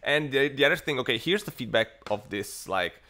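An Italian man in his thirties rambles casually on a tech livestream, filling his talk with lots of fillers. His mid-range voice is animated, brisk, bright and forceful. He records in a home study lined with bookshelves, using an earphone headset mic on a webcam stream.

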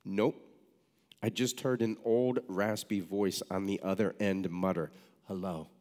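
Low-voiced pastor in a reverberant church. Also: male voice, steady tone, darkish tone. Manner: measured storytelling with wry asides. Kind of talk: sermon, reading a story aloud. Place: church sanctuary.

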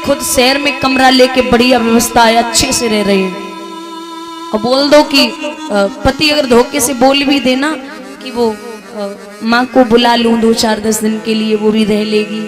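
A woman religious storyteller giving an emotional, preaching devotional sermon with music playing behind. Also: a little high.

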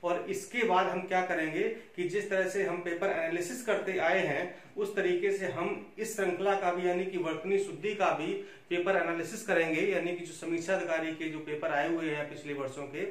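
A man's voice: sits high, steady tone, moderate pace, few pauses, fairly bright tone. A man teaching Hindi spelling in a lecture, coaxing students and checking in with "okay" after nearly every point. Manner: repeats "theek hai" constantly, coaxing and instructive. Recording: very echoey room, distant mic, faint hiss.

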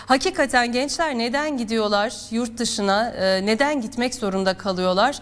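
A woman news anchor speaks with a high voice. She is formal and measured, and she addresses her guest politely as she presents and asks questions.

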